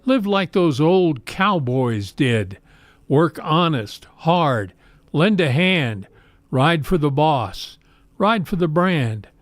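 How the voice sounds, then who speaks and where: A man reciting rhymed cowboy poetry as a guest poet, in a measured, rhythmic storytelling delivery. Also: on the high side, big pitch swings, no room sound.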